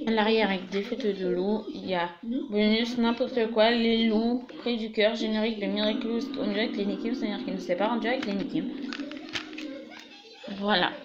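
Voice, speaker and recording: A young woman with a fairly high voice does a casual show-and-tell of her fan collection in a small room, chatting away with fillers like "voilà" and "du coup." The recording sounds muffled.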